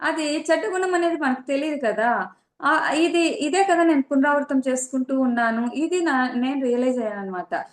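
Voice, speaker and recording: A middle-aged woman, a meditation teacher, giving an earnest, reflective spiritual talk about her own experiences, pausing often. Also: high-pitched. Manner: earnest, reflective, with frequent pauses and fillers. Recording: echoey room.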